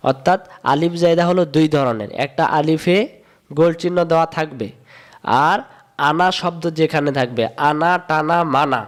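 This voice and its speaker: This Quran reading teacher, a man from Bangladesh, gives a step-by-step recitation lesson, chanting rules repeatedly in a sing-song manner and drawing sounds out slowly. His voice is a little high.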